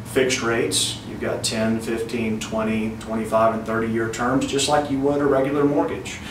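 A man in his thirties gives a loose, conversational product pitch full of filler words. His voice sits at an ordinary middle pitch. He sounds a little distant from the mic, in a roomy office with a faint hiss behind him. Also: moderate pace. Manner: relaxed, conversational, with frequent "um" fillers. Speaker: bank loan officer. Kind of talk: casual to-camera product pitch. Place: indoor office in front of a wall poster.

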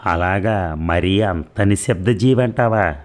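A man voicing a talkative older aunt in a comic story, asking fussy, prying questions in a low voice. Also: takes it slowly. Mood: surprised.

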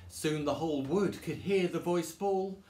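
Slow, gentle male storyteller. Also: fairly high pitch. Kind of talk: children's story reading. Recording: echoey room.

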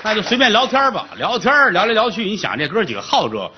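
A male storyteller spins a classic tale in a colloquial, joking way. His voice sits somewhat high and swings widely in pitch. The recording is a little muffled, with faint hiss behind him. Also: quick pace, a crowd in the background. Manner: lively, colloquial, comic asides. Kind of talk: traditional comic storytelling.

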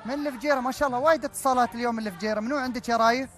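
A man's voice: very high-pitched, racing. Emirati male quiz host, jokey with callers, talks at breakneck speed over studio music. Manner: jovial, teasing callers. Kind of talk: live call-in quiz hosting.

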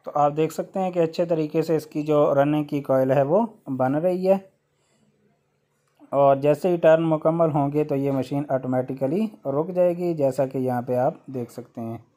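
Mellow man explaining a machine. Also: a little high. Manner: steady explaining, with hesitant "uh" pauses. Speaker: electrician channel host. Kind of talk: how-to machine demonstration.

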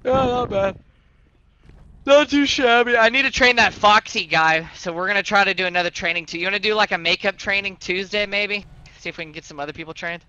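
High-voiced man giving brisk police calls. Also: bright, forceful tone, smooth, dull audio. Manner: brisk, commanding police radio talk. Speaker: police officer in roleplay. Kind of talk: in-character game roleplay with radio calls. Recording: noisy game voice chat.

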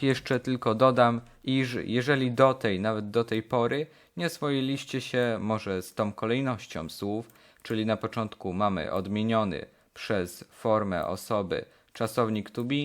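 A man teaching English, slowly repeating short phrases in a lesson. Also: fairly low pitch. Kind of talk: slow language lesson drills.

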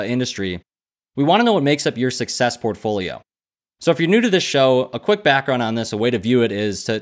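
Chatty male podcast host on headset. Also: medium pitch. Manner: friendly, chatty, many restarts. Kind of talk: interview hosting. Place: indoor room at home. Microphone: headset on video call.

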